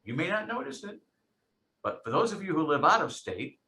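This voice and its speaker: Comic man, Rhode Island accent, bright lively voice, teasing mock-teacher. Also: fairly high pitch, a little fast, a little hiss or hum, low-quality recording. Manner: playful teasing, mock-teacher delivery, repeats phrases. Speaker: comedian. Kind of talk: comic routine at a virtual gala.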